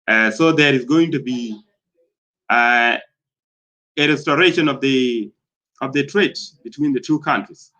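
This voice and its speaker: A man from South Sudan giving spoken commentary, speaking in a halting way with many fillers and repeated phrases. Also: mid-range voice, sharp tone, dull audio.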